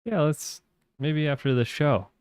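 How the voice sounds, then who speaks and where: Blunt, teasing male co-host, smooth voice. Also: a little high, measured pace, darkish tone. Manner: blunt, teasing, swears casually. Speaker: podcast co-host. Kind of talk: casual chat.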